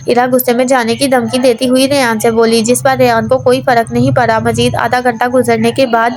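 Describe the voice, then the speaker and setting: Flat-voiced woman reading a novel aloud. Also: fairly high pitch, slight background noise. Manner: steady reading with small slips and self-corrections. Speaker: audiobook narrator.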